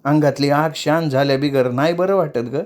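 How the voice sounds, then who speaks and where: Guy putting on lovesick young dancer girl, higher voice, pleading, rural talk, audiobook. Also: moderate pace, close to an everyday voice. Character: young woman tamasha dancer, lovesick and tearful.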